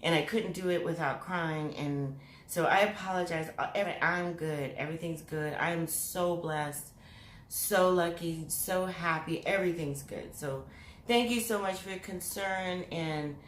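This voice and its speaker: A woman's voice: fairly low pitch, a little slow, slight background noise. A woman hosting her own vlog, chatting to camera in a giggly, rambling way that drifts into tangents. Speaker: vlogger and channel host. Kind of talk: casual chat to camera. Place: room with mirrors. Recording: echoey room.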